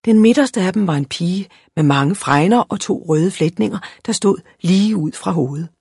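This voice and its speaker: A narrator giving an expressive, lively storybook reading aloud. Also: mid-range voice, gravelly, slightly rough, no room sound, studio quality.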